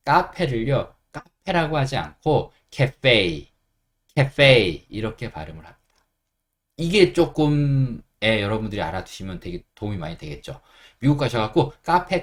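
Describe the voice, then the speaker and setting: A man teaching English pronunciation to beginners, patiently sounding out letters and repeating words so learners can follow. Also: medium pitch.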